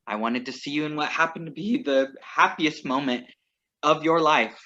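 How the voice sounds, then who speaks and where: Taking part in a staged reading over a video call, a fairly high-pitched man gives a bright, forceful voice to a poised, dryly witty ex who crashes a wedding. His tone is earnest, measured, and wry, and the sound is muffled.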